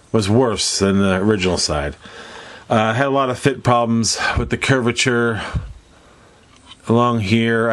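A congested man with a nasal voice, casually walking viewers through a hobby demonstration in a folksy, rambling way. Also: on the low side. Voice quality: stuffed-up, nasal. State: congested from allergies. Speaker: host of a model-building tutorial. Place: indoors at a hobby workbench.

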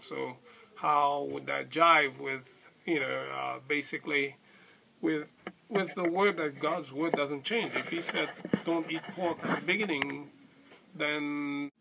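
A middle-aged man from Senegal, recounting his life story in a casual, hesitant way with many pauses and restarts. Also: on the high side, vocal fry, bright, forceful tone. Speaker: convert telling his story. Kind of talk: casual spoken testimony.

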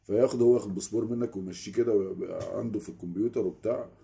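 Fast-talking gravelly Egyptian man. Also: on the low side. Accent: Egyptian Arabic. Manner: animated, keeps asking the listener "you get it?". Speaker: vlogger. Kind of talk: casual storytelling rant. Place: small room at home.

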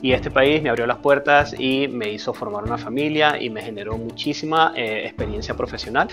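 A man, introducing himself to camera in a steady, earnest way with frequent fillers. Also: medium pitch, brisk, faint music behind. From Venezuela. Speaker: personal finance YouTuber. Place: dark studio with a screen backdrop.

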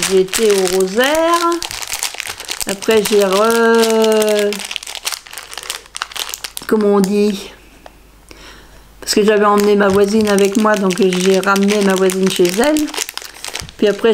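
A middle-aged woman, chatting casually and rambling as she shows off a craft shopping haul, laughing at herself as she goes. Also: mid-range voice. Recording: faint background noise with crinkling bags.

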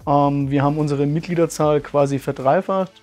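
A man's voice: on the high side, fairly even intonation, moderate pace, a little mellow, faint music behind. A man in his thirties, a martial arts school owner, telling his story in a testimonial interview, earnest and thoughtful, with many fillers. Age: 30s. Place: bright room with curtains, indoors.

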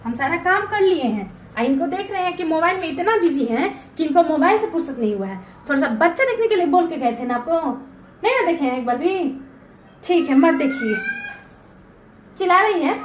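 A woman's voice: very high-pitched, fairly bright tone, roomy sound. A woman playing a wife in a home comedy skit, scolding her husband with sarcastic nagging. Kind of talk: scripted domestic comedy skit.

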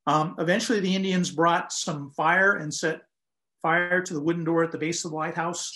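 An older man calmly recounting a historical event in a measured, explanatory way, with frequent ums and uhs, speaking from home over a video call. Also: on the high side. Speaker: lighthouse historian guest. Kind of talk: conversational historical account. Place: home room, indoors.

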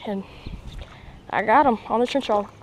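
Excited young man outdoors. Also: high voice, moderate pace, noisy background. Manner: excited, rambling, lots of fillers. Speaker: fishing vlogger. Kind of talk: casual outdoor commentary. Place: outdoors by a pond.

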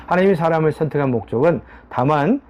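Male Bible teacher, earnest, slightly high, lively intonation, halting "ah" pauses. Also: highs cut off. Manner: frequent drawn-out "ah" pauses, earnest preaching. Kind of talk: daily Bible study teaching.

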